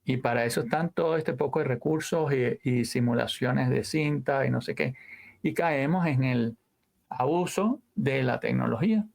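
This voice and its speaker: A man appears as a guest audio engineer in a casual interview, telling animated stories packed with sound words and trailing asides. He has a mid-range voice with vocal fry and a moderate pace.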